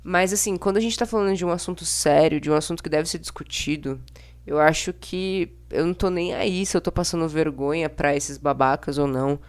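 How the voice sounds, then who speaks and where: A woman's voice: low-pitched, a little fast. A young woman with a Brazilian accent, talking casually and bluntly in an exasperated, slangy vlog monologue. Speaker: vlogger. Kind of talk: casual opinionated monologue to camera.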